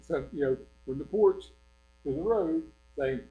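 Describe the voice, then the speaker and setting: A man's voice: fairly high pitch, measured pace, phone-quality sound, a little hiss or hum. An older man preaching an informal sermon in a church, rambling in a conversational way and often checking in with his listeners.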